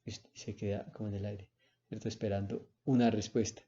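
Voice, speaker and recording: Male lecturer, very dark warm voice, seminar talk full of "eh" and "¿cierto?", slightly dull recording. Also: lowish voice, flat delivery, brisk. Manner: explains with spoken examples and frequent "¿cierto?" and "eh".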